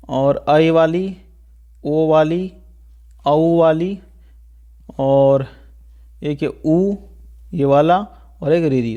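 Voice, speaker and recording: A man's voice: on the high side, a little mellow. A man giving a step-by-step Hindi grammar video lecture, who often checks in with the class and repeats key points. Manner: explains step by step, keeps asking "ठीक है" and repeating points. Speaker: teacher.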